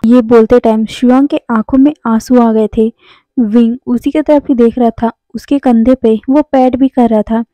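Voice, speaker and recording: A woman's voice: a little high, fairly even intonation, normal speed, mellow, no room sound, rough recording. A woman narrating a serialized story in a casual, conversational way, mixing in English words and correcting herself as she goes.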